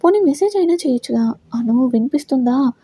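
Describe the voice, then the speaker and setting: A woman voicing a worried, loving young husband who anxiously presses questions, in a dry, husky read. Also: sits high, animated, fairly quick, dark tone, no echo.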